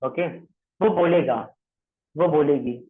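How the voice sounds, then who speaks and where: Tinny-sounding male trainer, upbeat pitch. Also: slow pace. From Maharashtra. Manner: repetitive, checks understanding often; mixes English phrases into Hindi. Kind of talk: online training session on calling scripts. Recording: tinny phone-like audio.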